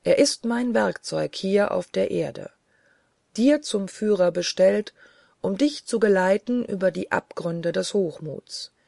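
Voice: medium pitch, slow pace, vocal fry, a little mellow, no room sound, studio quality. A reader as a solemn, commanding angel spirit.

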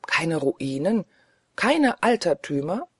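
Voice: medium pitch, very animated, slow, breathy edge, dry recording, clean studio sound, exaggerated voice. Narrator voicing a weary lonely old ghost. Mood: pleading. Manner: soft, dreamy and mournful. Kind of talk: audiobook reading.

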